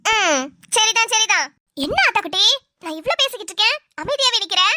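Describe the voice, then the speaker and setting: A woman's voice: very high voice, expressive, brisk, very noisy. A woman voicing a bold, cheeky young girl in a cartoon. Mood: teasing. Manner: teasing, self-assured. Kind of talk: cartoon voice acting.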